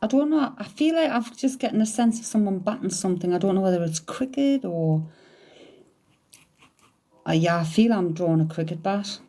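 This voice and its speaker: A woman, giving a medium's spirit reading in a chatty, halting way, often hedging with "I feel". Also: medium pitch, expressive, dark tone.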